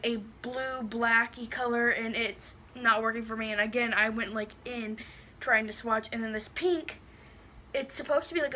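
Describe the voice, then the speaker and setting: A woman's voice: on the high side, sharp tone, slight background noise. A woman with a lisp that makes her s sound slushy, chatting casually and bluntly through a product review, rambling with lots of "like". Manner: blunt, rambling, heavy use of "like".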